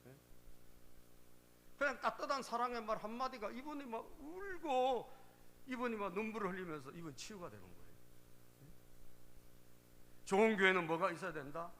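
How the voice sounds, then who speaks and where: A man's voice: high voice, a bit bright, long reverb tail, a little hiss or hum. A male pastor preaching a sermon, emphatic and repeatedly prompting the congregation for a response. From Korea.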